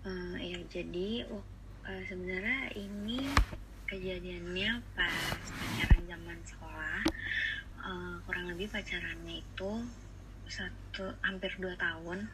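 On a phone call as a podcast guest, a young adult woman tells a personal story in a casual, hesitant way, slipping in English phrases. Her voice is fairly low and steady, and she takes her time. Clear background noise comes through the line.

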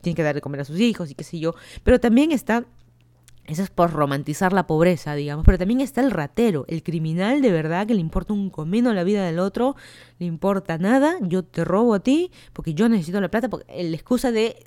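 Smooth-voiced Peruvian woman, chatty podcaster. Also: on the low side, animated, fast talker, warm tone. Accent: Peruvian Spanish. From Peru. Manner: chatty, opinionated, rambling with asides. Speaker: podcast host. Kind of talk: casual solo commentary. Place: home in Miami.

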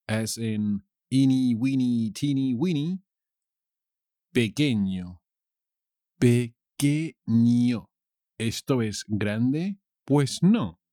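A man's voice: on the low side, darkish tone, no echo, studio quality. A young man teaching vocabulary in a playful, joking way, stretching out key words. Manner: playful, jokey, slow and drawn-out on key words. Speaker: Spanish teacher. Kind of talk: bilingual vocabulary lesson.

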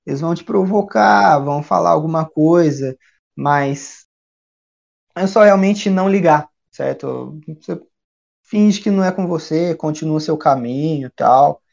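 A man from Brazil, chatting casually as a guest, with a relaxed, rambling way of telling stories. The recording sounds dull and lo-fi. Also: a little high, a little slow, gravelly. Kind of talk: casual chat.

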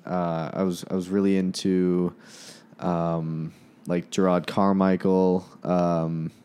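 A young man from Canada, a comedian guest on a podcast, talking in a soft, hesitant way with many fillers. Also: low-pitched, level tone, slow, clean tone. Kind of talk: casual podcast chat.

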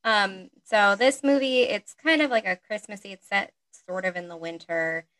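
A woman's voice: mid-range voice, moderate pace, a bit bright. Chatty woman podcast host reading aloud. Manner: chatty, filler-heavy, laughs at herself. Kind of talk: casual chat and story reading.

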